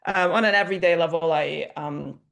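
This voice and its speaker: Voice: medium pitch, a little fast, vocal fry, fairly bright tone. A speaker from Hungary, a tour company owner talking as an interview guest in a chatty way, with many fillers and restarts. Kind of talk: interview conversation.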